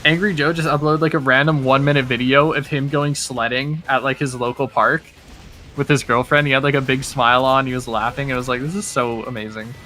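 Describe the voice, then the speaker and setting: A man's voice: medium pitch, fairly even intonation, fairly quick, bright, forceful tone, faint music behind. A man hosting a casual gaming stream, rambling with lots of fillers and swearing freely. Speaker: host.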